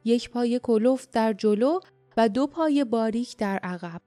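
A woman narrating an audiobook in a steady, measured storytelling manner. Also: fairly high pitch, no room sound, soft background music. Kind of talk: scripted narration.

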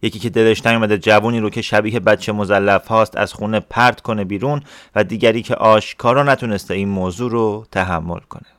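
A man reading a translated novel aloud in calm, measured storytelling narration. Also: on the low side, no room sound, studio quality. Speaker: audiobook reader.

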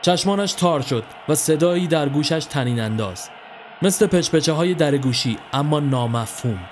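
A man reading a horror story as narrator, in a measured, even storytelling manner. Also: a little high, a little hiss or hum.

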